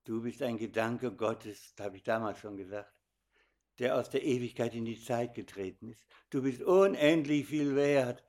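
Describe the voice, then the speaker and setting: Speaking at medium pitch and a moderate pace, an older preacher delivers a sermon full of animated stories, talking straight to his audience.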